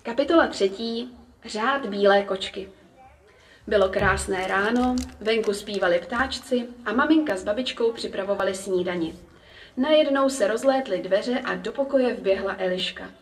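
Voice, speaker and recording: Calm woman reading a children's story. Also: medium pitch. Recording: roomy, distant, faint ambience.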